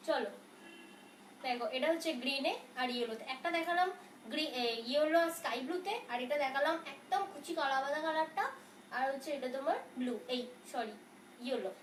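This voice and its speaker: A soft-spoken woman selling sarees on a live stream, talking in a chatty, reassuring way as she answers viewers' questions. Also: high-pitched, a little fast. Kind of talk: casual live sales talk. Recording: roomy, from a distance, faint noise.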